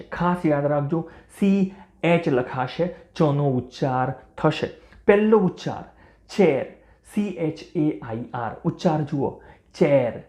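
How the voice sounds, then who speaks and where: Male language teacher with a warm, mellow voice and a roomy echo, patient and repetitive. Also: on the high side. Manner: slow, clear drilling, repeating each word and spelling letter by letter. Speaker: English teacher. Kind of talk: language lesson for beginners.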